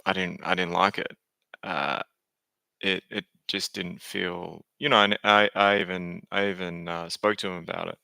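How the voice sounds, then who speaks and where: A man's voice: low voice, little pitch movement, moderate pace, creaky, bright, forceful tone, dry recording. A man talking casually on a live stream, hesitant and candid, often restarting his sentences.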